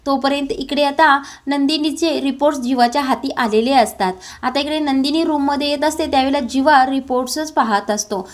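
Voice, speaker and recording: A woman retelling a TV serial's plot in a steady storytelling way. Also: high-pitched, fairly quick, hardly any pauses. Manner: steady storytelling with many "now" links. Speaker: serial episode recap narrator.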